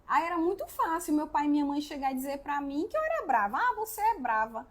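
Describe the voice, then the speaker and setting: Uma mulher jovem que apresenta uma live e fala a outros pais sobre como criar os filhos, de modo sério e animado, e pergunta "né?" a toda hora. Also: female voice, high-pitched, fast talker. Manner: earnest, animated, often asks "né?". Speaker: live-stream host, mother giving parenting advice. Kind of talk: casual live-stream talk.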